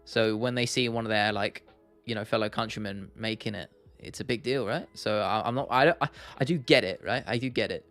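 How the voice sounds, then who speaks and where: The same kind of laddish livestream chat comes from a man with a lowish, fairly bright voice who talks fairly quickly with hardly any pauses. He repeats phrases for emphasis as he talks to viewers, while faint music and keyboard clicking play in the background.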